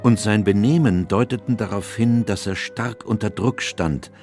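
A man's voice: on the low side, moderate pace, darkish tone, faint music behind, lightly acted. An actor playing an aged, melancholy English doctor who solemnly narrates his memoirs in a literary radio drama. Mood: grave, reflective. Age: older. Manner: solemn, reflective. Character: aged doctor Watson, weary melancholy chronicler of his friend's cases.

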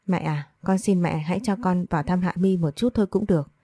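A woman's voice: lowish voice, a little fast, dark tone, no room sound, lightly acted. A woman reading the lines of a stubborn, deceitful young man in a storybook, with an insistent manner. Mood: pleading.

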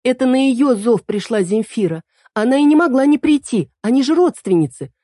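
A woman voicing an excitable, chattering young girl fairy who talks in a quick, earnest way. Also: a little high, dry recording, studio quality, voice pushed up. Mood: flustered.

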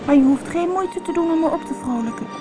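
A woman doing a tearful little mermaid girl. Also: fast. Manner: sobbing, high and plaintive. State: crying. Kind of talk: storybook reading. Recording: storybook audio with background music.

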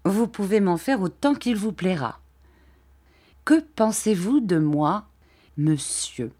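A woman reading an audiobook, voicing a kindly, simple-minded older gentleman who talks in earnest, halting phrases. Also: mid-range voice, animated, slightly rough.

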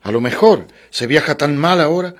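A man reading a timid, nervous young woman on a bus, speaking softly and hesitantly. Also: on the high side, expressive, moderate pace, voice pushed up, lightly acted. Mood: timid, uneasy. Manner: soft, hesitant, apologetic.

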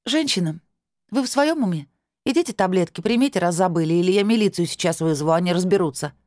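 A woman's voice: mid-range voice, wildly swooping pitch, moderate pace, a little mellow, no echo, studio quality, pitched above the performer's own voice. A woman voicing a brash, rude middle-aged woman who shrieks and then turns fawning. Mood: indignant.

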